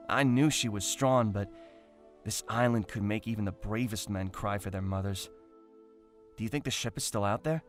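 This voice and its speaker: In a fan audio drama, a man voices a brave, chatty young castaway. His delivery is wry, expressive, and conversational, in a natural voice with a fairly low pitch.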